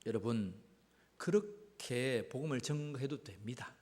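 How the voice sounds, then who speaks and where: A middle-aged male pastor, preaching emphatically in a church and swinging between loud calls and low asides. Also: expressive, measured pace. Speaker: senior pastor. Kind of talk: sermon. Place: church sanctuary. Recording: church hall reverb.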